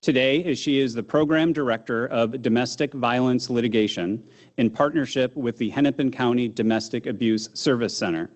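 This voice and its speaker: Man reading formal award citations. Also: mid-range voice. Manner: formal, measured. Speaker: awards presenter.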